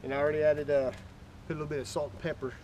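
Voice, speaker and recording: A man's voice: a little high, flat delivery, rapid-fire, highs cut off. A man talking casually and plainly as a cooking show host, explaining each step of a recipe in an informal, folksy way. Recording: clearly noisy background with clicks.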